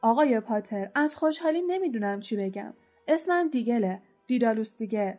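A woman reading a storybook, voicing an excitable male wizard who gushes with excitement. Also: on the high side, soft background music, lightly acted. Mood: gushing. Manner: gushing, excited.

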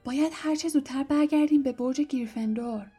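A woman's voice: high voice, mellow, faint music behind, voice pushed up, natural voice. A woman voicing a blunt, grumbling schoolboy.

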